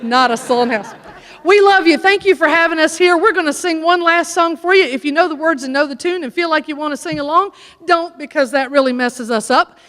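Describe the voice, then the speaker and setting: A woman's voice: high voice, a little fast. A woman, a chorus singer, telling a folksy, funny story to a church audience. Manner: folksy, animated joke-telling. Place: church sanctuary. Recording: echoey church hall.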